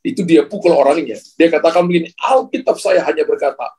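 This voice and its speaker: Husky-voiced male pastor preaching. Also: a little high, fast, a little mellow, low-quality recording. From Ambon, Indonesia. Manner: conversational preaching with frequent "ya" and direct address. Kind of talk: sermon.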